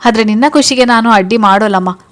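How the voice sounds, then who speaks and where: A woman's voice: a little high, fast talker, a bit bright, close to an everyday voice. A woman voicing a stern but loving middle-aged father in a spoken story, with a firm, fatherly manner.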